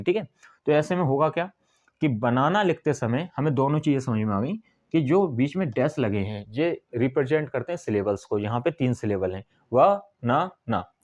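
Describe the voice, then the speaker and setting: A male teacher gives a whiteboard lesson at a mid pitch. He explains step by step and stretches words out syllable by syllable. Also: darkish tone, muffled recording. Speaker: English teacher.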